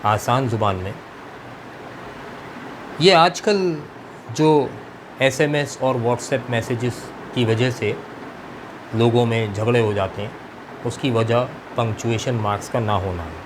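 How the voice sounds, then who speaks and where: Slow, deliberate male teacher in a noisy room. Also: medium pitch. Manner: slow, deliberate teaching with mixed Hindi-Urdu and English. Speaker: English teacher. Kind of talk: explanatory lesson.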